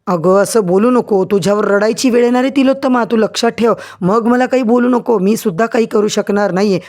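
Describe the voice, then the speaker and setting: A woman's voice: medium pitch, brisk, darkish tone, close to an everyday voice. A spiteful scheming woman pushes her friend to throw someone out, voiced by a woman narrator. Scornful and pushy, in an everyday tone.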